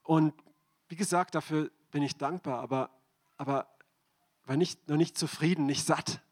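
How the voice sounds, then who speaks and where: A man's voice: fairly high pitch, fairly even intonation, moderate pace. A man preaching a sermon, speaking directly to the congregation and asking them repeated questions.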